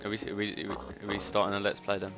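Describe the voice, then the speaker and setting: A man's voice: on the low side, completely flat delivery, rapid-fire, over music. A young man, joking and laughing while playing a game with a friend, sometimes yelping in surprise. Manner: joking, laughs a lot, yelps when surprised. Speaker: let's play co-host. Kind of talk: casual gaming chat.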